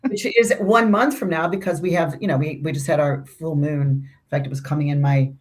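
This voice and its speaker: This is a woman with a notably low, deep voice co-hosting an astrology conversation. She talks loosely and chattily, circling back on her points and tossing in asides. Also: fairly even intonation, fairly quick. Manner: chatty, rambling, with restarts and asides. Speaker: astrology podcast co-host. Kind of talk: casual conversational astrology discussion.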